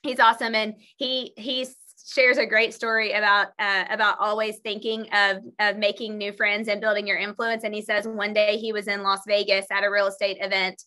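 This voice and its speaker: A middle-aged woman talks to fellow agents in an earnest, storytelling manner, with plenty of ums and restarts. Her voice is bright and forward, at an everyday pitch for a woman. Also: flat delivery, moderate pace, few pauses. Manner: earnest, storytelling with many fillers. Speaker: real estate team leader. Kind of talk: presentation to colleagues.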